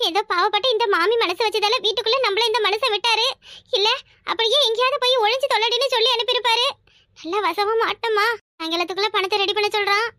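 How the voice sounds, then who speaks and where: A woman's voice: very high-pitched, fast, sharp tone, no room sound, studio quality. A woman voicing a panicky young cartoon wife who frets aloud over her debts in a wailing monologue. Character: debt-ridden young wife, panicky and scheming. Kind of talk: cartoon voice acting.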